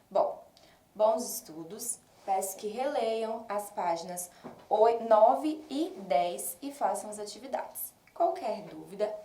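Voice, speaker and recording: A Brazilian Portuguese-accented woman teaching a recorded grammar lesson, slowly stressing each example word. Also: a little high, mellow, recorded from a distance. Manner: slow, deliberate stressing of example words. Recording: echoey room, voice off-mic.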